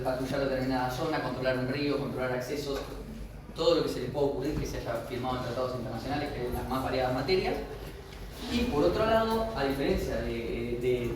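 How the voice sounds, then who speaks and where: Argentine man, law lecturer, explanatory tone, distant mic, very echoey room, noisy background. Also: mid-range voice. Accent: Argentine Spanish. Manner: explanatory, with frequent checks of "¿sí?". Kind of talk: university lecture. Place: classroom.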